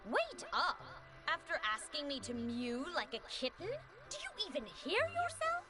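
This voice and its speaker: Haughty snappy anime game rich girl, high voice, big swoops, music behind. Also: big pitch swings, measured pace, exaggerated voice. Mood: indignant. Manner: blunt, snappish. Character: blunt, haughty, short-tempered young mistress.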